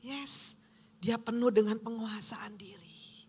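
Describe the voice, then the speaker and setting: A woman pastor preaching a lively, joking sermon at a church service. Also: on the high side, takes it slowly, breathy edge. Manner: lively, joking, acts out quoted voices.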